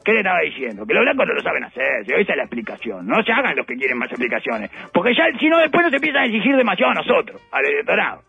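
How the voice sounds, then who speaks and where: Uruguayan man, sardonic radio pundit, bright gravelly voice, dull lo-fi sound, faint music behind. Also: on the high side, very animated, rapid-fire, hardly any pauses, no room sound. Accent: Uruguayan Spanish. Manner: ironic, rambling, playful asides. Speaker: radio commentator. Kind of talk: satirical political radio commentary.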